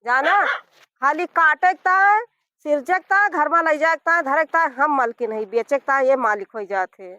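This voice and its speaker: A high, piercing woman's performance of a village wife with an Awadhi accent in a rural comedy skit. She is stubborn and defiant, complaining and snapping back, recorded dry with dull sound. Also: animated, normal speed, bright, forceful tone, no echo. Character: stubborn, sharp-tongued village wife who talks back.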